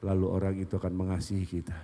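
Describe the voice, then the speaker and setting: A man's voice: low voice, monotone, rapid-fire, dark tone. A male pastor preaching a sermon, emphatic, often asking and answering his own questions. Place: church sanctuary. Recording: long church hall reverb.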